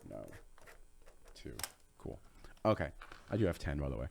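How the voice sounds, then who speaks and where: A man in a casual podcast chat, reading reviews aloud with a teasing, joking edge. His pitch swings widely as he talks. The sound is dry and close, with no room around it. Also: big pitch swings, normal speed, creaky, mellow, dry recording. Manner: joking, playful, reads aloud with silly voices. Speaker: podcast co-host reading reviews as quiz questions.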